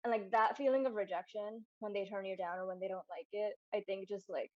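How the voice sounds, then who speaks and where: A woman's voice: medium pitch, fairly even intonation, fairly quick, no echo. A young woman storyboard artist answering interview questions candidly, with many "like" fillers, over a video call. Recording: dull dry sound.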